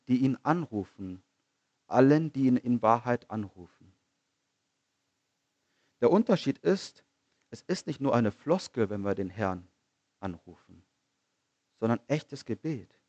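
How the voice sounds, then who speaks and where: A man preaching a sermon in an earnest manner, asking rhetorical questions, repeating phrases and slowing down on key lines. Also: mid-range voice, darkish tone, no echo, lo-fi sound.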